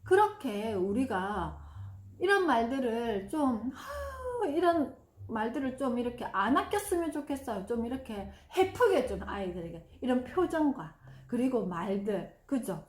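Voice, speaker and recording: A fairly high-voiced woman in her fifties teaches parents, reading passages from a book and breaking into demonstrative, gushing examples of praise. She speaks in a roomy space where her voice echoes around her. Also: very animated, unhurried. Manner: warm, demonstrative, acts out gushing praise in bursts. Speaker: parenting educator. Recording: roomy echo.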